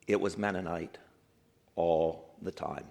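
A man in his sixties giving a speech to an audience, telling his life story in an earnest, reflective way and slowing down to stress key points. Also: sits low, steady tone, vocal fry, a little mellow. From grew up in Ethiopia and the United States. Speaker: guest speaker.

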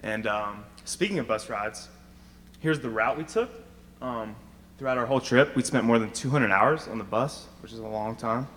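A young man giving a prepared presentation in a matter-of-fact, halting way. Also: medium pitch, fairly bright tone. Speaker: student presenter. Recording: reverberant hall, faint noise.

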